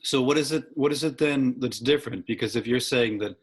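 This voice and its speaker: A man hosting an interview, asking measured questions and rephrasing them carefully as he goes. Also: mid-range voice, breathy edge.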